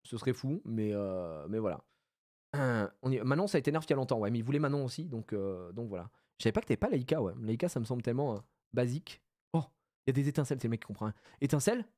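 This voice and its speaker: A French man streaming and commentating a game, chatting loosely and bursting into shouts of joy. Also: medium pitch, fast talker, dry recording, studio quality. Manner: excitable, shouts with joy at big pulls; loose casual chat with fillers.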